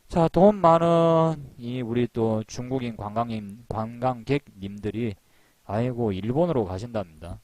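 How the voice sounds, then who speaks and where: A middle-aged man teaches a stock market class in an animated, talkative way. His voice sits at an ordinary middle pitch. The sound is dry and close, with no room around it. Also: no echo. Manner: animated, acts out little scenes in put-on voices. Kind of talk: live-streamed lecture.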